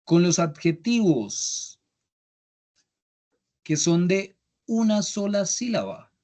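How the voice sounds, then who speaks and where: A man's voice: high voice, big pitch swings, slow pace, dark tone. A young man teaching an English grammar class, patiently repeating each step and checking that students follow. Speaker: English instructor. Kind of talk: online class explanation.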